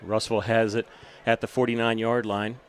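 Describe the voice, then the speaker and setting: A middle-aged man calling high school football play-by-play, out of breath and getting louder on big plays. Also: a little fast. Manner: excitable, rising to loud calls on big plays. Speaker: play-by-play announcer.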